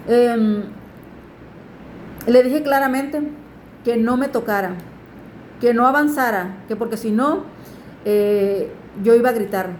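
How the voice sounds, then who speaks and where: Woman, fairly high voice, earnest faith testimony recorded in an echoey room. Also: darkish tone, a little hiss or hum. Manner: earnest, pleading with listeners to turn to God. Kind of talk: personal religious testimony.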